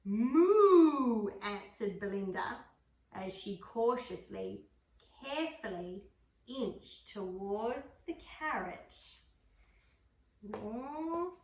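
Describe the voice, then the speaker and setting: A woman reading a picture book aloud to a dog, adding gentle chatty asides between pages. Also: mid-range voice, lively intonation, takes it slowly. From Australia. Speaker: storybook reader. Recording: roomy room, mic far off.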